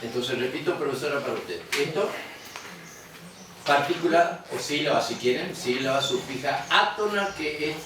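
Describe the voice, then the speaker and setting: Guy lecturing a class, voice kinda high, boomy room, mic way off, noisy. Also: animated, very echoey, recorded from a distance. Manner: explanatory, quizzes students, repeats words slowly. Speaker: guaraní teacher. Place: museum classroom.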